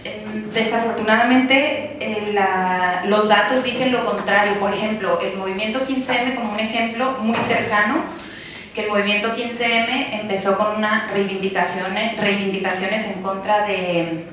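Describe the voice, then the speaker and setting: A woman's voice: medium pitch, fairly even intonation, normal speed. A woman researcher asking a hesitant question from the audience in a university lecture hall. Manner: hesitant, many fillers. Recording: echoey hall from far off, faint noise.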